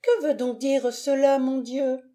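A woman's voice: on the high side, sing-song, a little slow, dark tone, pitched above the performer's own voice. A woman reading an audiobook, voicing a timid, innocent young peasant girl who speaks in a pleading, breathless way. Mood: frightened.

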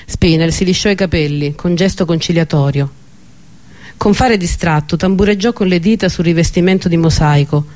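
High-voiced man reading an audiobook. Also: moderate pace, a little mellow. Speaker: narrator. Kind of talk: audiobook narration.

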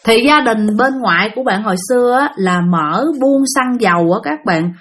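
A woman's voice: a little high, expressive, moderate pace, fairly bright tone. Chatty woman storyteller. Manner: chatty, full of filler particles and restarts, addressing listeners. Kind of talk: casual spoken storytelling.

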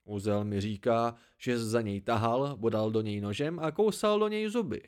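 A man voicing a wise, dryly scornful old hermit in an amateur audiobook reading, slow and emphatic. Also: mid-range voice, animated, darkish tone, clean tone, lightly acted. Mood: lecturing.

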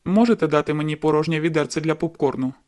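Teasing, persistent teen boy in a storybook read, played by a woman in a lowered voice. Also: fast, darkish tone, lightly acted. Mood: easygoing. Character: teasing, persistent teenage boy, warm and cheerful.

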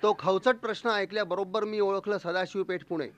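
A man spins a comic first-person tale, his voice sitting high. He tells it playfully and slips in quick voices for the people he quotes. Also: steady tone, heavy background noise. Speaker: storyteller. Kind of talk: humorous first-person storytelling.

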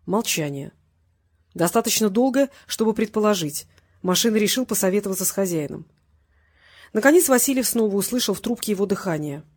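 A woman narrating a crime novel audiobook in steady, even scripted narration. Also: medium pitch, a little fast, slightly rough.

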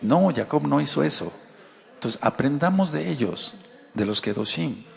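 A man's voice: on the high side, expressive, normal speed, gravelly, long reverb tail. A man with a Mexican accent, giving a conversational sermon as a Torah teacher and asking his listeners rhetorical questions. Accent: Mexican Spanish.

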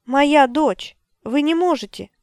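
A desperate young mother begs in a raised, tearful voice, as a woman reader puts her on. The tone is smooth and clean. The read is dry and close, with no room around it. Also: normal speed, darkish tone, dry recording, natural voice. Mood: pleading. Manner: high, pleading, close to tears.

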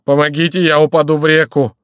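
A man's voice: lowish voice, animated, normal speed, no room sound, clean studio sound. A man voicing a cowardly monk who whines and complains, out of breath. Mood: panicked whining. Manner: whining, complaining. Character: plaintive, cowardly monk on a donkey.

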